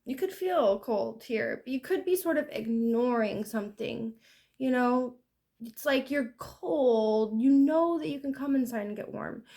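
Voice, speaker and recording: A woman's voice: high voice, expressive, a little slow, warm tone. A woman giving a casual, rambling tarot reading in a chatty, self-deprecating way. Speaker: tarot reader.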